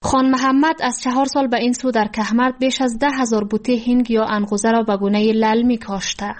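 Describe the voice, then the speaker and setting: A woman's voice: fairly high pitch, steady tone, darkish tone. A woman with an Afghan accent narrating a scripted radio news report as a reporter.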